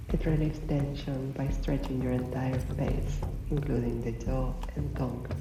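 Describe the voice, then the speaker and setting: A woman narrating a scripted guided breathing exercise as an instructor, in measured, instructional phrases with short pauses. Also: very deep voice. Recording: roomy, distant voice under loud music. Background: loud music.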